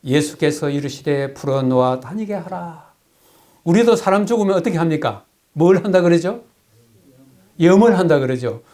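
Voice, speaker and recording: A male pastor preaching a sermon, asking the congregation questions and answering them himself, and reading scripture aloud slowly. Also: sits high, dark tone.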